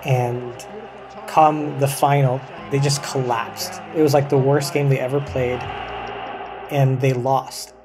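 A man's voice: medium pitch, level tone, slow pace, over music. A man from Pakistan, a senior producer and reporter, talking casually and chattily in an interview, often saying "like" and "you know".

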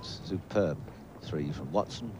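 In a very noisy outdoor broadcast, a deep-voiced man speaks slowly as a live golf commentator, calling play in short, repeated exclamations over a loud crowd and outdoor noise.

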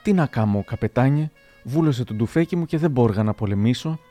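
A scared, timid woman soldier begs not to be shot, read plainly by a man in a storybook telling. The voice stays warm and mellow, with soft music underneath. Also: medium pitch, lively intonation, lightly acted. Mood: frightened. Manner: pleading. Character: frightened female camp soldier, timid.

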